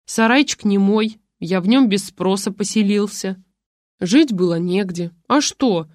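A grumpy old man living alone in a shack, grumbling short, folksy replies and brushing off his visitors, as a woman reads his lines. The voice sits at a middling pitch and sounds dry and close. This is storybook narration. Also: a little slow, a little mellow, no room sound, lightly acted.

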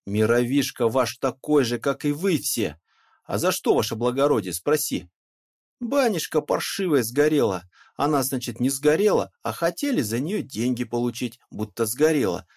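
A man reading an audiobook puts on a bitter, bellowing peasant who rants at full volume, his voice pushed up and strained with outrage. The delivery swings widely in pitch as he complains of injustice. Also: very animated, moderate pace. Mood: indignant ranting. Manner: shouting, ranting, bitter. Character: loud aggrieved middle-aged peasant man, indignant.

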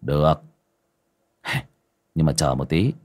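A man's voice: a bass voice, expressive, slow pace, darkish tone, voice pushed down, exaggerated voice. A man voicing a stern, sarcastic exorcist master who scolds and commands. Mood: commanding.

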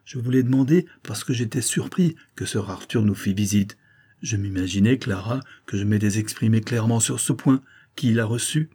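A man voicing a gruff, impatient older statesman laid up with gout, in an audiobook. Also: fairly low pitch, normal speed, mellow. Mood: grumpy. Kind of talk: audiobook character voice.

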